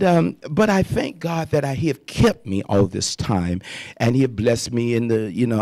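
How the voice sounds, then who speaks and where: A man's voice: medium pitch, creaky, dark tone, no echo. A man in his fifties preaching live on radio from a studio, fervently calling out praise and amen between his thoughts. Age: 50s. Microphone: studio mic on boom arm, wearing headphones.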